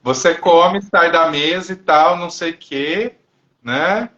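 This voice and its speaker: A reflective man co-hosting a casual live talk, thinking aloud in halting phrases. His voice sits a bit high for a man. The sound is dull and lo-fi. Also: bright, forceful tone. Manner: reflective, halting, many fillers and restarts. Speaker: therapist and co-host. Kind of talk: casual live-stream chat.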